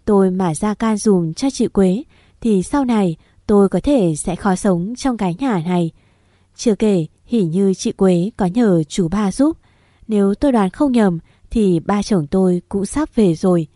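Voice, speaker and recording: A woman narrating a first-person story in a steady, even way. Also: medium pitch, measured pace, dry recording, studio quality.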